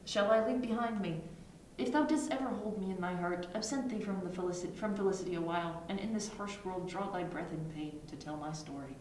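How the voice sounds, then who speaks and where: A woman's voice: on the low side, moderate pace. A woman voicing a bitter, dying young prince in an amateur read-through of a Shakespeare play, fading yet urgent, sometimes stumbling over the lines. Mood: weary, fading. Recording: echoey room, distant mic, noisy.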